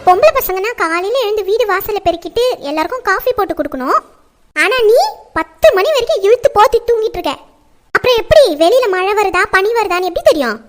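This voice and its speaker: A woman plays a strict middle-aged mother who scolds and lectures without pause. Her voice sits very high and piercing. She pleads and insists in the manner of a family drama. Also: a bit bright, soft background music. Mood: scolding.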